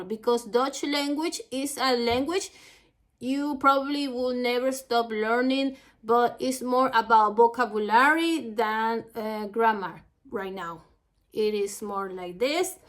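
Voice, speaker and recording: A native Spanish speaker from Ecuador teaches a language lesson with a Latin American Spanish accent. Her voice sits a little high, and she moves carefully, pausing phrase by phrase.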